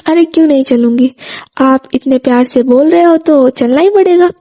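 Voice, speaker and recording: Storybook: a woman doing a friendly young woman, polite and affectionate, high and soft. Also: normal speed, close to an everyday voice.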